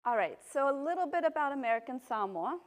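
A Belgian volcanologist, a woman, gives a relaxed public talk at a podium microphone in a university lecture room, saying um often. Her voice is high and she talks fast, and the clip was filmed from a distant camera.

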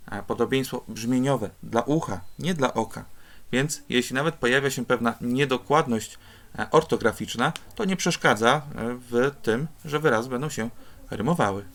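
A man's voice: medium pitch, a bit bright. A man teaching a lesson on rhymes, explaining step by step in a patient way with occasional hesitations. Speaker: Polish teacher.

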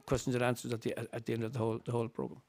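A middle-aged man with an Irish accent, giving a loosely spoken conference presentation in halting, repetitive phrases into a table microphone. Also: medium pitch, monotone, a little mellow. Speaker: campaign speaker on a panel.

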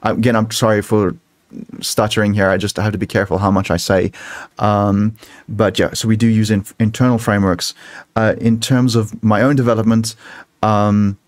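A software developer answering audience questions on a video call, talking in halting sentences full of restarts. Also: male voice, lowish voice, flat delivery, no echo. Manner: halting, many restarts and fillers. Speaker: software developer speaking at a meetup. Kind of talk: casual tech talk Q&A.

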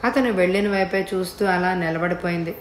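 A woman narrating an audiobook story in a steady, measured voice. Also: lowish voice, reverberant, slight background noise.

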